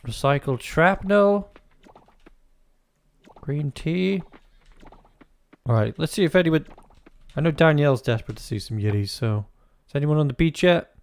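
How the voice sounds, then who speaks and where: A gaming video host rambles through casual, crude, joking commentary while playing a farming game, often restarting his sentences over faint game music. His voice is fairly high, animated, fast, and a little mellow, with no echo.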